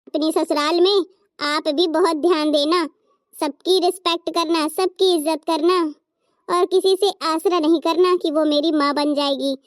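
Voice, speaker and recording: A woman voicing a patient young daughter-in-law in a cartoon story, who talks gently and gives advice. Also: very high voice, steady tone, unhurried, dry recording, clean studio sound. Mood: gentle. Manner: gentle, advising.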